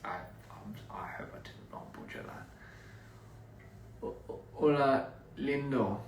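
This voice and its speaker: Speaking at a measured pace in a creaky, medium-pitched voice, this Australian livestream host chats casually with viewers, wandering off and restarting often. A little hiss or hum sits in the recording, which sounds echoey and slightly distant from the mic.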